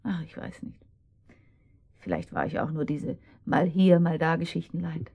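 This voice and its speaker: An actress playing an unhappily married young mother in a radio drama, speaking hesitantly and sometimes in breathy whispers. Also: deep voice, very animated, normal speed, warm tone, heavily acted. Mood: wistful.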